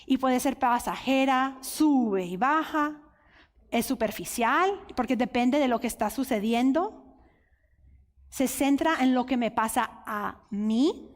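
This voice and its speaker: Speaking at a women's workshop, this American woman teaches the Bible with earnest emotion, addressing her listeners directly. Her high voice is unhurried, and the long reverb of a large hall surrounds it.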